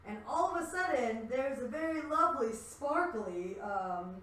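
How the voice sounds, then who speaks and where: A woman's voice: a little high, lively intonation, measured pace, fairly bright tone. A young woman narrating a tabletop game as game master, casual and laughing, swearing freely. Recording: echoey room, mic at a distance.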